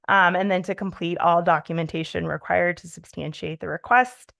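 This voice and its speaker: A woman's voice: fairly low pitch, gravelly, a bit bright, no room sound. A young woman on town staff presenting a policy at a public meeting, careful and explanatory with frequent "um" fillers. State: voice quivering with emotion. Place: town hall meeting room.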